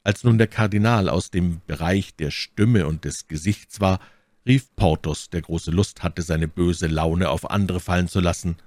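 A man narrating a classic adventure novel as an audiobook reader, in a steady storytelling manner. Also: sits low, unhurried, dry recording, clean studio sound. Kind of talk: scripted narration.

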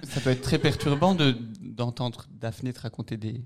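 A man in a relaxed group chat. He chimes in with dry, mock-shocked asides. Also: mid-range voice, normal speed, background noise. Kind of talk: casual chat.

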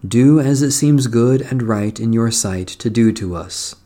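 A man leading a midday prayer service, reading psalms and scripture in a measured, solemn recitation. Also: mid-range voice, warm tone. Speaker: prayer leader. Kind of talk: slow liturgical reading.

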